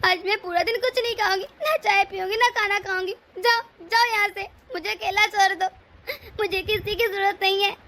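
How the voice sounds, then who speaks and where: A woman's voice: extremely high pitch, fairly even intonation, normal speed, bright, forceful tone, heavily acted. A woman voicing a bossy, stingy elderly mother-in-law in a cartoon story, scolding and melodramatic. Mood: wounded, tearful. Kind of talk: cartoon voice acting.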